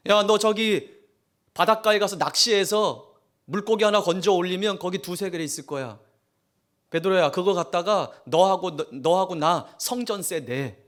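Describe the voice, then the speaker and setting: Pastor voicing a blunt, all-knowing Jesus. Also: male voice, sits high, moderate pace, a bit bright. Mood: bossy. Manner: blunt, bossy commands. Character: imagined Jesus, stern and all-knowing man.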